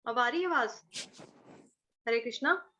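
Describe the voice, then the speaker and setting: A woman teaching slow Sanskrit verse recitation in an online class, with her voice breaking up and cutting out over a bad call connection. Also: on the high side, bright, forceful tone. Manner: chants verses slowly, then explains syllable by syllable. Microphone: video call. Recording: dull lo-fi call audio with dropouts.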